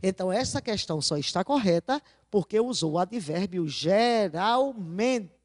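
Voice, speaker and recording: A woman teacher going over exam answers in a video lesson, often asking her class rhetorical questions and slowly stressing key words. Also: mid-range voice, lively intonation, a little mellow, no room sound, clean studio sound.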